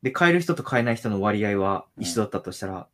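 A man's voice: fairly low pitch, sing-song, quick pace. A man from Nagoya, a guest on a casual podcast, thinking aloud in a musing way with hesitant restarts. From Nagoya, Japan. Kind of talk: casual chat.

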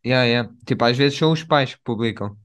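A young man chats as a podcast co-host. His voice has a medium male pitch, and his delivery is informal, full of slang and joking. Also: a little fast, fairly bright tone. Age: young adult. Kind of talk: casual chat.

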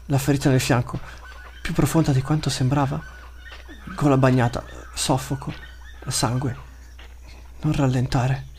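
A huge, brutish male beast, as a male narrator puts him on thinks aloud in terse, broken scraps of speech. The voice sits higher than the narrator's own and is rough and gravelly, with a faint hiss under it. It suits an audiobook of a fantasy tale. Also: natural voice. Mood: frightened. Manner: terse broken inner monologue.

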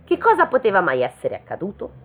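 A woman whose mid-range, fairly bright voice swings hugely in pitch reads a fairy tale slowly and casually, stopping now and then for joking asides. The sound is tinny, like a phone.

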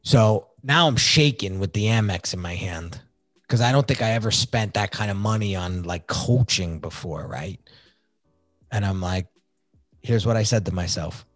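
A man talking as a podcast guest, telling his own story in an animated, excitable way. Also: lowish voice, moderate pace, no echo, studio quality, faint music behind. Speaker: podcast guest, design agency founder. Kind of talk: casual storytelling interview.

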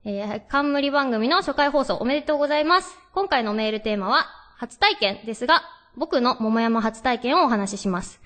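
A young woman hosts a radio talk show in a chatty, storytelling way, reading listener letters between anecdotes. Her voice sits high and moves animatedly up and down. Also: animated, normal speed, fairly bright tone.

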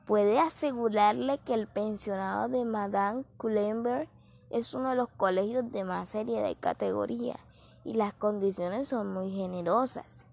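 A woman reading a smooth, scheming older man. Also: mid-range voice, measured pace, darkish tone. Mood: persuasive. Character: scheming middle-aged man making an offer.

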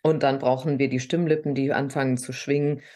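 A middle-aged woman from southern Hesse, a voice coach, explaining things in an animated, teacherly way as a guest in a podcast interview. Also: a bass voice, brisk. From southern Hesse, Germany.

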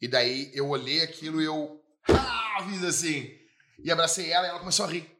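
A man, a pastor chatting on a podcast, telling stories with animated repetition for emphasis. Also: a little high, fast. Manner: animated storyteller, repeats lines for emphasis. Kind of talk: casual podcast chat.

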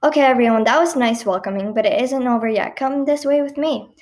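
A woman's voice: a little high, fairly quick, darkish tone, voice pushed up, lightly acted. A woman reading a story aloud, voicing a cheerful adult man who guides a boat tour, in her own raised voice. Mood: upbeat.

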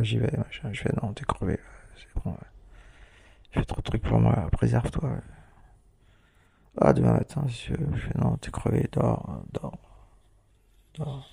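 A man's voice: medium pitch, vocal fry, warm tone, slightly rough. A man recording a casual audio diary from a hospital, rambling, swearing often and laughing as he talks. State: hospital patient. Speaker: podcast host.

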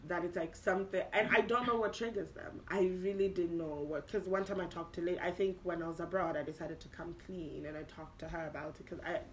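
A young woman with a somewhat low voice chats casually on a podcast, hesitating and filling pauses as she searches for words. A faint hiss sits under the recording. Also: fairly even intonation, low-quality recording. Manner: hesitant, many fillers, breaks into laughter. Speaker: podcast co-host. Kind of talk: casual chat.

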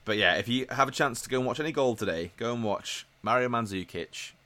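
A man's voice: medium pitch, pushed and bright. A man, co-hosting a podcast and chatting casually and jokily. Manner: chatty, jokey, quick asides. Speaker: podcast co-host. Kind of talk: casual chat.

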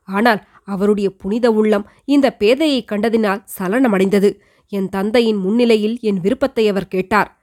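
A woman's voice: medium pitch, a little mellow, voice pushed down, close to an everyday voice. A woman voicing an elderly, devout queen mother who earnestly recounts her past to her son in an audiobook reading. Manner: earnest, measured storytelling. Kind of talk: audiobook reading of a historical novel.

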